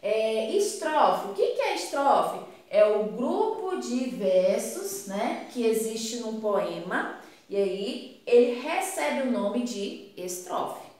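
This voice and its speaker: A woman's voice: fairly high pitch, big pitch swings, takes it slowly, a little mellow. A woman teacher with a Brazilian Portuguese accent explaining a lesson patiently, checking often that students follow. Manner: patient, repetitive, checks understanding with "tá?" and "né?". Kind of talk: recorded classroom lesson explanation. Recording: very echoey room, voice from a distance.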